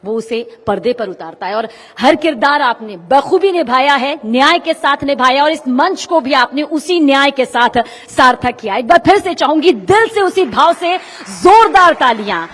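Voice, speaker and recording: A woman hosts a summit stage and thanks the guest in polished, flowery phrases. Her voice sits a little high, and a long hall reverb follows it. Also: lively intonation, normal speed, hardly any pauses, a bit bright. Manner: gracious, flowery praise. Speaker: event host. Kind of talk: formal stage hosting.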